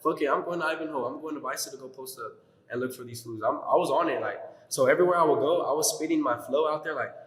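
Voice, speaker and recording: A man's voice: fairly high pitch, quick pace, fairly bright tone. A young man being interviewed as a rapper, chatting casually in slangy, profane skater-dude style in an echoey room. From Tulare County, California. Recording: echoey room with long reverb.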